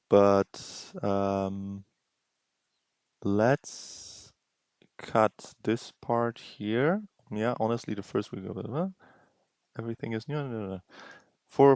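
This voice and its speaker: Slow, low-voiced man explaining steps. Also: darkish tone, no echo, studio quality. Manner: slow, explanatory, thinking aloud. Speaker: tutorial host. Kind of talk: screen-recording tutorial narration.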